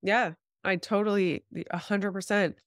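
Her medium-pitched voice stays steady and a little slow, with a slight congestion from a stuffed-up nose. A chiropractor and acupuncturist in her thirties, she's interviewed over a video call from a small room at home, chatting informally about health and leaning on "like" and "you know." The sound is clean, studio-grade, and free of echo.

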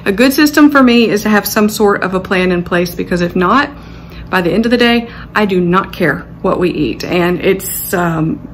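A woman's voice: medium pitch, lively intonation, normal speed, a little hiss or hum. A woman in her thirties chatting casually as she shows a grocery haul, rambling with fillers, recorded on a phone camera in her home kitchen. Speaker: lifestyle vlogger. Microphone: handheld phone camera.

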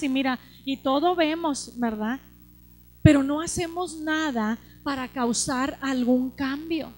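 A woman's voice: high-pitched, a little hiss or hum. A woman preacher, delivering an urgent sermon full of repeated exhortations. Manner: urgent, repeats exhortations, acts out quoted voices.

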